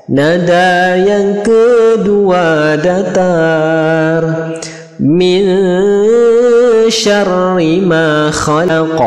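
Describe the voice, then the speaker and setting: A man reciting scripture in slow, drawn-out melodic chant, demonstrating a recitation style. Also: sits high, darkish tone. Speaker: Quran recitation teacher. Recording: echoey long reverb, faint music.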